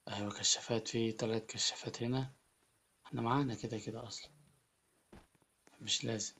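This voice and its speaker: A man with an Egyptian Arabic accent giving excitable Let's Play commentary as a gaming YouTuber, often repeating his words. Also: medium pitch, fairly quick, breathy edge.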